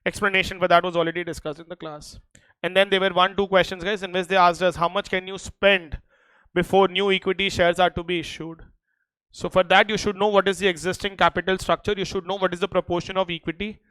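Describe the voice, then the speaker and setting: Indian-accented man, high smooth voice, classroom lecturer, emphatic delivery, checks in with students. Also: flat delivery, fast, a bit bright, no echo, poor audio. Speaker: accountancy teacher.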